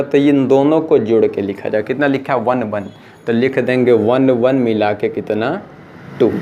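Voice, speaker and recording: A male math teacher, pitched at a middling level for a man. He walks through each step slowly and repeats it, urging the class to watch closely. A faint hiss of noise sits under the voice. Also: darkish tone. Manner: patient, repeats steps and urges listeners to pay attention. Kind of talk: blackboard math lesson.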